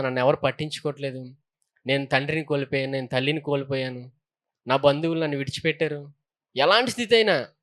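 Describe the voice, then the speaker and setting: High-voiced pastor preaching. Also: male voice. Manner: preaching with frequent hallelujahs and questions to the congregation. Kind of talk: sermon.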